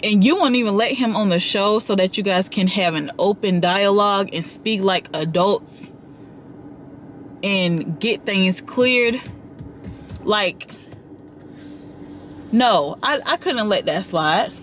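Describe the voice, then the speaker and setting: Animated woman commentator, casual and direct with her audience, faint background noise. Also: medium pitch, unhurried. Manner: animated, talks straight to viewers with slang and asides. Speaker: commentary vlogger.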